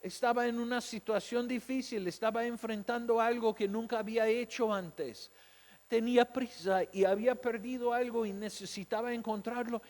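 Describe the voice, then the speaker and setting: A man's voice: very high-pitched, steady tone, moderate pace, darkish tone, in a large hall. A man preaching a sermon as a pastor, telling his own story, asking rhetorical questions and acting out the voices of doubters.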